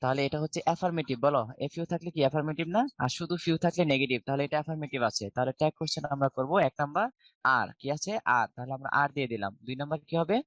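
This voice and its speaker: A man's voice: a little high, racing, fairly bright tone, no room sound. A middle-aged man with a Bangladeshi accent teaching an online English grammar class. He explains step by step and asks the students questions, then answers them himself.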